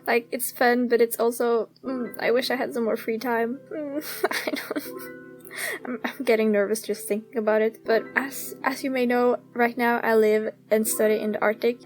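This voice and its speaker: Giggly, chatty young woman gamer. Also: a little high. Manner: giggly, chatty and self-deprecating, laughs often. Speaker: gaming YouTuber. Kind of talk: casual voice-over chat during a speed build.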